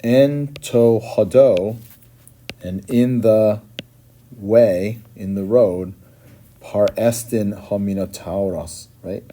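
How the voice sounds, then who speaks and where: Slow, dark-voiced male teacher. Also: lowish voice. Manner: patient, explanatory, often checks in with "right?". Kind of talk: classroom explanation, translating line by line.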